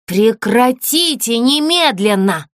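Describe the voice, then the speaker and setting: A woman's voice: on the high side, big pitch swings, normal speed, no room sound, clean studio sound. A woman voicing a serious, strict girl doll who runs the rehearsal, firm and commanding.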